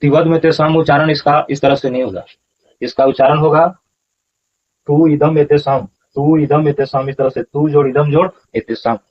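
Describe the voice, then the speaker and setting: A man's voice: on the high side, fairly even intonation, normal speed, highs cut off. A man explaining scripture verses as a teacher, patiently repeating pronunciations syllable by syllable. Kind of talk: explanatory lesson.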